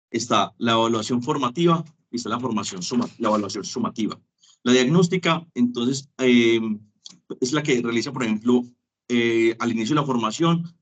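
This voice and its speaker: A man giving an online teaching lecture, chatty and acting out small dialogues as examples. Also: medium pitch. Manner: chatty, acts out little dialogues. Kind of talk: web conference lecture.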